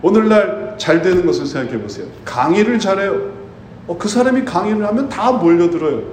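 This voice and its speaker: A man preaching a sermon in an animated way, often acting out imagined believers. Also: sits high, fairly quick, a little hiss or hum. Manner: animated, voices imagined believers in quoted speech. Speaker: pastor. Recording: echoey room with faint ambience.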